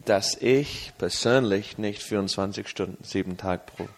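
English man preaching, slow and halting. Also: on the low side. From England. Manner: hesitant in German, with many fillers and restarts; rises to an emphatic, raised preaching voice in English. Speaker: guest preacher. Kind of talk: sermon with live interpreter.

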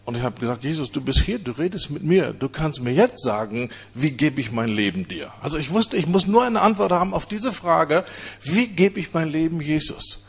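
A man preaching, telling his own conversion story in an earnest, halting way. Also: a little high, lively intonation, vocal fry, husky. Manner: earnest storytelling with many hesitations. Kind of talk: testimony sermon.

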